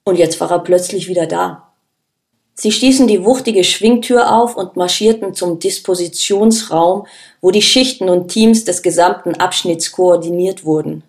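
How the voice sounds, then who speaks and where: A woman narrating an audiobook in a steady, measured storytelling manner. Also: lowish voice. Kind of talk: scripted narration.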